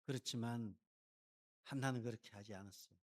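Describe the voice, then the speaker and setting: A man preaching a sermon as pastor of a church, animated and dramatic, acting out voices as he tells the story. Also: mid-range voice, fairly quick. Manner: animated, acts out quoted voices and mutters. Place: church sanctuary.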